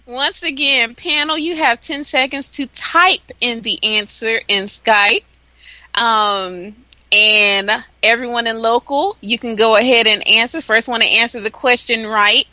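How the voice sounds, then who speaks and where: A woman hosting a trivia segment on internet radio, giving clear, unhurried instructions to the panel and the listeners. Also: on the high side, bright, forceful tone, dry recording, poor audio. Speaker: quiz host.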